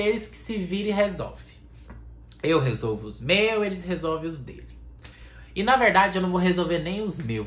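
A woman's voice: deep voice, fairly bright tone. Mineira woman sighing through a mock meditation. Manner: sighing mantra-like "ai, ai", slow drawn-out soothing phrases, swearing offhandedly. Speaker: podcast host. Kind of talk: playful mock guided meditation. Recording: roomy echo.

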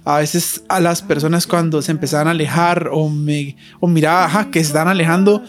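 Guy on a faith podcast, slightly high voice, rambling earnest storytelling, faint music under it. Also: fairly even intonation, fairly quick. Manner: earnest, chatty storytelling with many fillers. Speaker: podcast guest. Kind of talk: casual faith podcast conversation.

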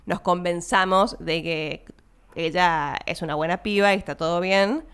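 A young Argentine woman, not from Buenos Aires, hosting a podcast and chatting casually about a film, laughing and speaking quick asides to her listeners. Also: lowish voice, steady tone, fairly bright tone, clean tone. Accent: Argentine Spanish, not Buenos Aires. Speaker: podcast host.

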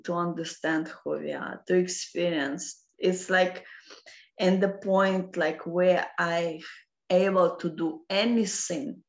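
A woman with a Russian accent explaining philosophical ideas off the cuff in halting non-native English. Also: on the low side. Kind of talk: unscripted philosophical explanation in conversation. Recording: roomy, echoing sound.

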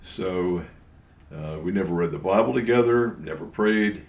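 An older man with a fairly low voice speaks in a roomy, echoing space. He gives casual testimony in a halting, plainspoken way. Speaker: interview guest. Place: room at home. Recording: roomy, echoing indoor sound.

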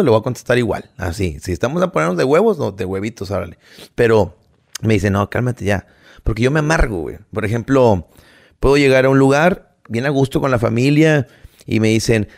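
A man's voice: mid-range voice, creaky. A man with a Mexican Spanish accent, co-hosting a casual podcast and ranting heatedly, with plenty of swearing. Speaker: podcast co-host. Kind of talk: casual chat.

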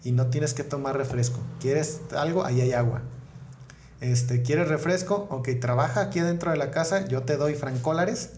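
A fairly high-voiced man with a northern Mexican accent tells stories casually. He swears, leans on slang and repeats words for emphasis. The recording is roomy, with noise behind him. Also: normal speed. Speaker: comedian, podcast guest. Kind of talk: casual conversational storytelling. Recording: roomy echo, clear background noise.

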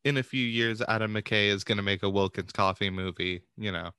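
A man's voice: fairly low pitch, level tone, a little fast, pushed and bright, smooth. A man co-hosting casual, humorous commentary with another host.

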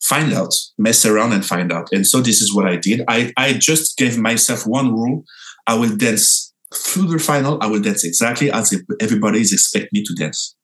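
A young man from France tells his own story in an interview, speaking English with a clear French accent. His voice is fairly low, and his delivery is animated, with lively jumps in pitch and halting restarts. The recording is rough.

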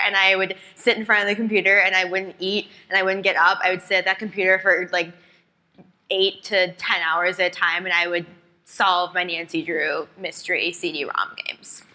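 A woman in her twenties on a panel, telling a story in an animated way. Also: fairly low pitch, poor audio. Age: 20s. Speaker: panel guest. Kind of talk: panel discussion.

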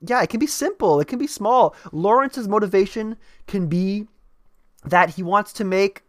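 A man chatting about running tabletop role-playing games, telling stories with lively energy and frequent restarts. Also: high voice, moderate pace, no echo, clean studio sound. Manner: animated storytelling, many restarts. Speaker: podcast co-host and game master.

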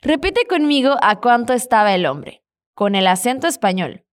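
A woman leading a Spanish lesson, prompting listeners to repeat phrases after her. She speaks clearly and patiently, encouraging learners along the way, in a fairly high voice. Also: sing-song, moderate pace. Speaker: Spanish teacher. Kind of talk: language lesson with repetition drills.

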